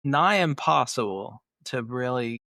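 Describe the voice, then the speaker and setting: A man of ordinary pitch talks through ideas in a measured, explanatory way, sprinkling in filler words. He co-hosts a casual podcast as a therapist. The sound is dry and close. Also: animated, vocal fry, bright, forceful tone, no echo.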